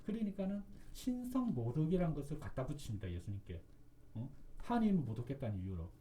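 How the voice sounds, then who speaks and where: Man preaching with a very dark voice. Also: fairly high pitch, big pitch swings, fairly quick, slight background noise. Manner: emphatic, repetitive, rhetorical questions. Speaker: religious commentator. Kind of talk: impassioned preaching talk.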